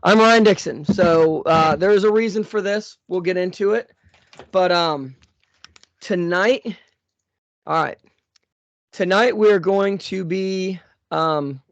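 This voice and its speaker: A man hosting a talk show, slightly out of breath, with a high-pitched voice. He rambles casually, stopping and restarting with plenty of "uh"s and "um"s. The recording is dry and dull, with a lo-fi sound. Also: no echo. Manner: rambling with many fillers and restarts. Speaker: podcast host. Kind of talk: casual show intro and chat.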